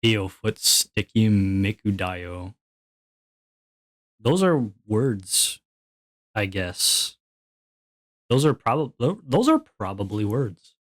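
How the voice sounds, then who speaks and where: A man's voice: lowish voice, very animated, extremely slow, long pauses, no echo. A man streaming live who talks to his chat in a sarcastic, grumbling, exasperated way. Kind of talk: casual livestream chat.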